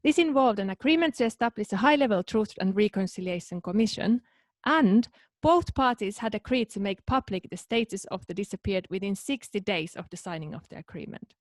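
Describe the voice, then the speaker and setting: A woman from Finland, a researcher co-hosting a podcast, reading in a calm, explanatory way. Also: mid-range voice, brisk, no echo. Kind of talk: scripted podcast narration.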